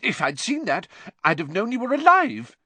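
Man putting on Molly Weasley, shrill anxious mother. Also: wildly swooping pitch, normal speed, pushed and bright, no room sound, full character voice. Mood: agitated. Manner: emotional, breathless exclaiming. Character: anxious, tearful middle-aged mother witch, doting and fretful.

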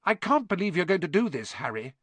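A man acts out an indignant young schoolgirl for an audiobook. The voice is high, shrill and swooping. It scolds in a prim, bossy way. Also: very animated, brisk, a bit bright, dry recording, exaggerated voice. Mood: disapproving. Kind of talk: audiobook character voice.

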